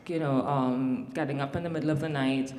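On stage in a large, echoey hall, a Trinidadian academic in her thirties offers thoughtful panel remarks, stumbling through fillers and restarts. Her rumbling low voice is slightly mellow, fairly even in intonation and a little fast, with long reverb trailing it.

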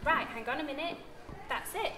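A British primary school teacher with a high-sitting voice explains things step by step to young children at normal speed, asking plenty of questions in an interactive lesson. A camera a short distance away picks her up in an echoey indoor classroom with a wooden floor, with a crowd and other background noise behind her.

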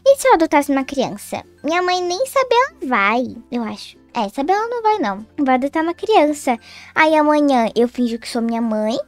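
Casting note: girl as a high-voiced, cooing schoolgirl who is eager and chatty in a game story. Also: a little fast, faint music behind. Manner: cooing, excitable, talks to herself. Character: sweet, scheming schoolgirl who loves babies. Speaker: channel host and role-play player. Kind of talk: acted game role-play.

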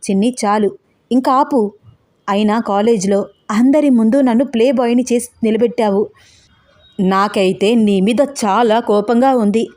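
A woman voicing a quick-tempered young man who scolds his fiancée in exasperation. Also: fairly high pitch, darkish tone, no echo, studio quality, close to an everyday voice. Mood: annoyed.

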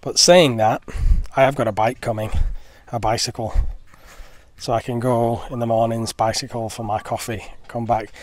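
A man's voice: mid-range voice, flat delivery, moderate pace, dry recording. A man chatting casually and upbeat to camera for his family vlog, outdoors in a rural village and garden. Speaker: family vlogger.

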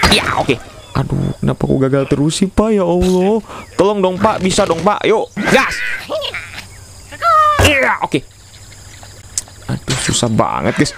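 A young man casually commentating a video game, excitable, exclaiming and laughing often while talking to his viewers. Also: a little high, vocal fry, heavy background noise. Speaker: gaming YouTuber. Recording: loud game music behind voice.

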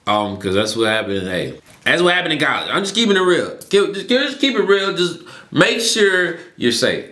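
A man's voice: medium pitch, a bit bright, reverberant. A young man in his early twenties talking casually in a laid-back, slangy way with lots of fillers, sitting at a desk in a small neon-lit room, recorded by a fixed camera. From Georgia, US. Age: young adult. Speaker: vlogger. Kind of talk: casual mukbang Q&A chat.

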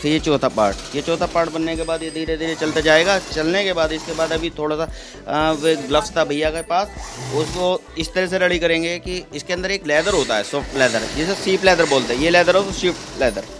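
A man's voice: a little high, a little fast, music in the background. Plain-spoken man showing his workshop. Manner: plain, repeats filler yes-words while showing work. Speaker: workshop owner. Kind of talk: casual explanation. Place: courtyard of a small workshop. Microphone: handheld mic held by interviewer.

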